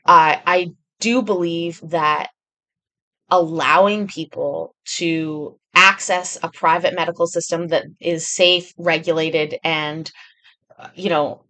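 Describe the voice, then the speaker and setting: A British woman runs a live stream, chatting casually and rambling as she reads and answers viewer comments with plenty of ums and restarts. Her voice is lowish with a fairly bright tone.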